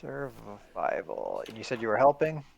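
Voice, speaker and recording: Calm man reasoning through his turn. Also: fairly low pitch, normal speed, vocal fry, background noise. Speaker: player. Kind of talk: casual tabletop play.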